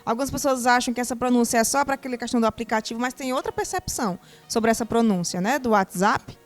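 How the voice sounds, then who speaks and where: A woman's voice: on the high side, fast talker, faint music behind. A young woman, hosting a TV talk show in a playful, upbeat way and asking guiding questions. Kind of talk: casual studio interview.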